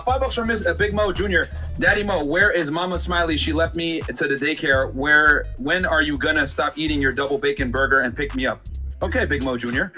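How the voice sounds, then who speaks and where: A man hosting a casual panel podcast, firing quick, joking questions at guests. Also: on the high side, sharp tone. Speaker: podcast host.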